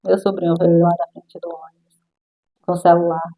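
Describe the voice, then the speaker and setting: A woman's voice: fairly low pitch, level tone, a little fast, dark tone, low-quality recording. A middle-aged woman with a Brazilian accent, a guest sharing her personal testimony in an interview and acting out the voices of the people in her story.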